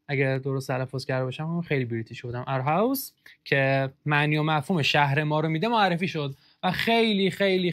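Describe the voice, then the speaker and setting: A man's voice: a little high, a bit bright. A young man hosting a casual football kit review, joking and sarcastic as he reads out comments.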